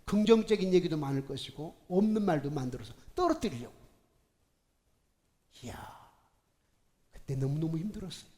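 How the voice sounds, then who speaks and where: A man's voice: on the high side, very animated, normal speed, long pauses. Emphatic preaching man, church reverb. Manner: emphatic, colloquial preaching that swings between hushed and loud. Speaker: pastor. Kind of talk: sermon. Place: church sanctuary. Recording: long hall reverb in a church.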